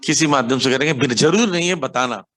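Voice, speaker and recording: A man from India giving a devotional class, telling stories animatedly and mixing English words into his speech. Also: fast talker. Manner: animated storytelling, acts out quotes with sharp pitch jumps. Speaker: preacher.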